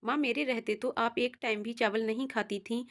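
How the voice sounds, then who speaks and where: A woman's voice: a little high, steady tone, moderate pace, close to an everyday voice. A woman reading as an earnest, caring daughter. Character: caring married daughter, firm but polite.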